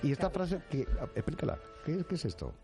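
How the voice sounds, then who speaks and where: A man's voice: a little high, big pitch swings, a little fast, loud music behind the voice. A man with a Spain accent hosting a casual live chat, playful and often repeating words as he stumbles along. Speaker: show host.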